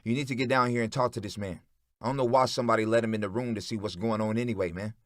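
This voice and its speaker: A brash, raspy drug boss barks orders in a drawl, as a male narrator puts him on. The voice sits deep and the sound is dry and close. He talks like a man used to being obeyed. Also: quick pace, dry recording, close to an everyday voice. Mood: agitated. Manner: agitated, bossy, shouting orders.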